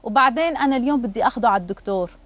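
A woman's voice: fairly high pitch, rapid-fire, dry recording, lightly acted. Um Nadim, a woman doing a fed-up housewife. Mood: exasperated. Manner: sharp, complaining. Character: harried housewife and mother, fed up.

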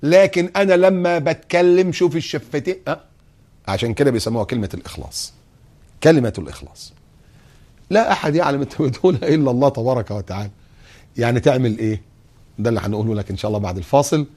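A man with an Egyptian Arabic accent giving a televised religious lesson, animated, acting out little dialogues and chanting phrases slowly. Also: mid-range voice, slightly rough. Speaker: Islamic preacher.

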